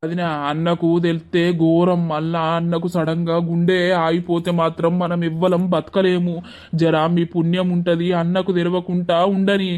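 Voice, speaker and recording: A man's voice: sits high, completely flat delivery, moderate pace, darkish tone, close to an everyday voice. A man voicing a protective middle-aged village uncle reassuring the family in a Telangana accent. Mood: firm. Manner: firm, reassuring.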